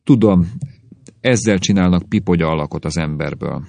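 A man's voice: deep voice, vocal fry, warm tone, no room sound. A man voicing a scornful, bitter middle-aged husband who lectures and sneers, in an audiobook reading. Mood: sneering.

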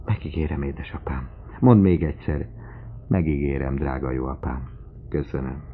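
A man's voice: rumbling low, fairly even intonation, slight background noise. A man voicing an affectionate young woman, a devoted daughter, in an audiobook reading. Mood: tender. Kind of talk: audiobook character voice. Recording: tinny phone-like lo-fi recording.

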